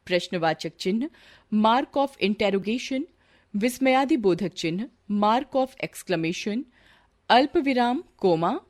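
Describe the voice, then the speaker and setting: A woman reading a grammar lesson aloud in a slow, deliberate textbook manner. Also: fairly high pitch, a little mellow. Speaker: teacher.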